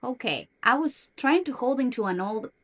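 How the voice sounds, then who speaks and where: Speaking to the camera at a moderate pace, a young self-help vlogger from Argentina whose first language is Spanish shares personal stories about her life in an earnest, confiding way, restarting now and then. Her fairly high voice has lively intonation.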